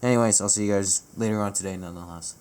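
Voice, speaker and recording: Young man, deep voice, profane, casual weather-vlog chat full of self-corrections. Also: fairly even intonation, rapid-fire, a little mellow, smooth. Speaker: amateur weather vlogger.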